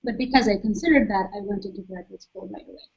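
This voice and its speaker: A soft-spoken young woman from Saudi Arabia, speaking as a guest and calmly explaining her own experience. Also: mid-range voice, quick pace, vocal fry, slightly rough. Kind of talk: webcast talk. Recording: dull lo-fi webcast audio.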